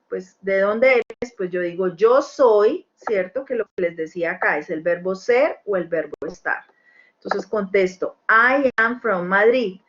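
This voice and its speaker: A woman explains a lesson in a slow, unhurried way and keeps checking that her students follow along. Her voice sits a little high. The recording is dull and lo-fi, with a faint hiss behind her. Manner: patient, checks understanding with tag questions. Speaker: English teacher. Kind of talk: recorded screen-share lesson.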